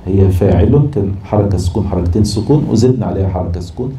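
A man with an Egyptian accent teaching a lesson and explaining a text, patiently repeating and spelling out syllables slowly. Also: low voice, animated, warm tone, roomy sound, a little hiss or hum. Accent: Egyptian Arabic. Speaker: teacher of Arabic prosody.

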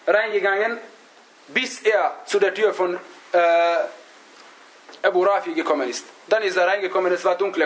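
High-voiced man teaching, halting delivery. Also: poor audio. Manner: halting, searches for words, often adds a questioning "ja?". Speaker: religious teacher. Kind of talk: religious lesson, storytelling to a class.

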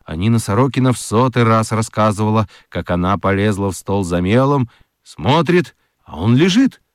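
A man with a lowish voice reads scripted narration for a children's radio play at a moderate pace. He tells the story expressively, and the recording is dry with no echo or room sound.

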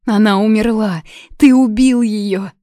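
A woman's voice: mid-range voice, fairly even intonation, measured pace, dark tone, no echo, studio quality, pitched above the performer's own voice, lightly acted. A woman voicing a hysterical young woman who shrieks and sobs, in a storybook reading. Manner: shrieking, sobbing.

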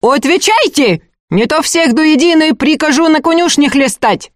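A woman voicing a cruel female estate manager who sneers and barks orders in a shrill, cutting voice. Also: lively intonation, normal speed, no room sound, clean studio sound. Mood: shrill commanding.

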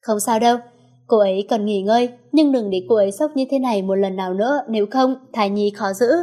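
A woman voicing a calm, instructive doctor in a storybook reading. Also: medium pitch, a little fast, close to an everyday voice.

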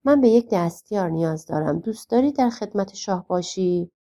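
A woman's voice: mid-range voice, expressive, vocal fry, warm tone. A woman reading aloud voices a courteous male chief scribe at a royal palace.

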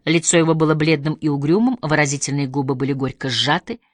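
A woman's fairly low voice reads a novel in an even, unhurried way. The sound is dry and close-miked, with no room echo. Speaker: narrator. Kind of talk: audiobook narration.

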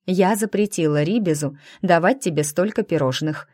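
A caring older sister , voiced by a woman reader, who speaks gently but will not budge. Her voice is low and recorded close and dry. It is quiet audiobook storytelling. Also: moderate pace, dry recording, lightly acted. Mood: gentle, firm. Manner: gentle but firm, scolding softly. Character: caring, protective young woman, elder sister.

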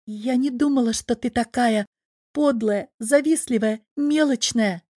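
A woman voicing a hot-tempered young adult daughter who bursts out in shrill protest, in an audiobook. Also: measured pace, warm tone, no room sound, studio quality. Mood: indignant. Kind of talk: audiobook character voice.

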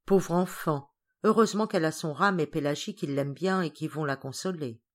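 A woman's voice: low voice, a little fast, close to an everyday voice. A woman voicing a brusque, busy father in an audiobook. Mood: curt. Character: gruff grumpy father, curt and busy.

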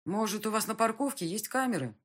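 A woman's voice: medium pitch, lively intonation, brisk, breathy edge, pitched above the performer's own voice. A woman voicing an eager young detective.

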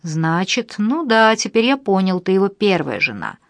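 A woman's voice: mid-range voice, sing-song, moderate pace, no echo, clean studio sound. A woman reading the part of a cold, unpleasant male blackmailer who hisses rude threats down the phone in an audiobook. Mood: threatening.

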